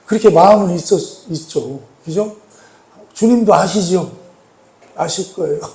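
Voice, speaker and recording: A man's voice: sits high, measured pace. A male pastor preaching a sermon, putting rhetorical questions to the congregation and leaning hard on key points. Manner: emphatic, swells louder on key points. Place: church sanctuary. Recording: echoey church hall.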